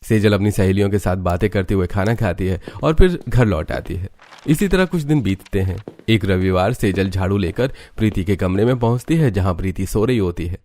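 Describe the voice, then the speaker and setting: A man narrating an animated story in an even, storytelling voice. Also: low voice, fairly quick. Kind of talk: scripted narration.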